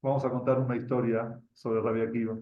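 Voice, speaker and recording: A man's voice: mid-range voice, level tone, fast. A man with an Argentine accent tells a religious story to a group as a teacher. He often stops to repeat words while he searches for the next one, and he asks his listeners questions. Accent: Argentine Spanish. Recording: echoey room, dull lo-fi sound.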